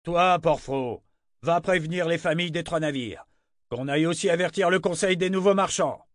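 A flustered middle-aged merchant, voiced by a man reading an audiobook, barks urgent commands in a raised, strained voice. He sounds alarmed and bossy, pushing his words out loud. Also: fairly high pitch, moderate pace, no room sound, clean studio sound, pitched above the performer's own voice, natural voice. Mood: commanding. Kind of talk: audiobook character voice.

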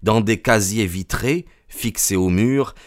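Male narrator, low voice, dry close sound, measured storytelling. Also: no echo. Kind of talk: audiobook narration.

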